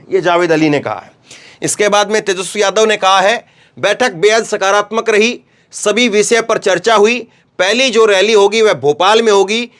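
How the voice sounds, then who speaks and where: A man's voice: sits high, fairly bright tone. A man giving political news commentary, talking straight to his viewers in a conversational way. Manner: conversational, addresses viewers directly.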